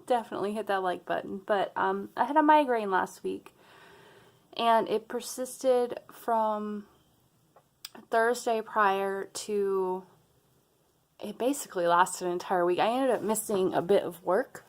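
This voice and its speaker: A woman's voice: medium pitch, unhurried. A young adult woman vlogger, out of breath, chatting casually to her viewers and laughing between sentences. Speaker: planner vlogger. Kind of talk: casual chat to camera.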